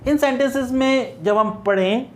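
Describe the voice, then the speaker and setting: A man teaching grammar in a classroom-style lecture, explaining slowly, repeating words and spelling them letter by letter. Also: very high voice, a bit bright, a little hiss or hum.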